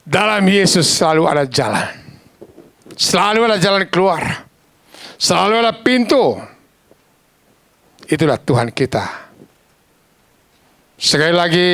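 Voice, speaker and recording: A man preaching a sermon, telling stories in a lively, casual, slangy way and acting out the voices of the people in them. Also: high-pitched, dry recording. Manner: animated, acts out quoted voices.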